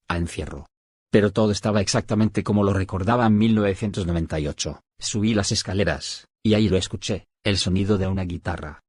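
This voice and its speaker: A man narrating a scripted first-person horror story in a steady storytelling manner, slowing down on key moments. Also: low-pitched, husky, no room sound.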